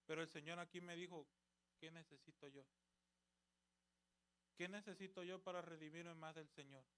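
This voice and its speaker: A man's voice: fairly high pitch, steady tone, moderate pace, a bit bright, clear, resonant tone. A man preaching at a church youth service, exhorting with rhetorical questions and retelling conversations. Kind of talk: sermon.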